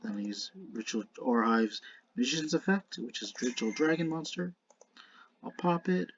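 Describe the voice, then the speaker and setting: A man with a slushy lisp on his s sounds gives casual, unscripted commentary to viewers as a video creator, earnest and halting, often restarting his words. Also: mid-range voice, animated, highs cut off, a little hiss or hum. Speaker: video creator narrating a card game duel.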